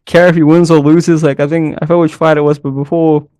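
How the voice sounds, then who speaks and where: A man's voice: a little high, level tone, quick pace, dark tone, no room sound, clean studio sound. A man commentating casually on mixed martial arts, rambling and loose, with lots of slang fillers. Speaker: MMA commentator.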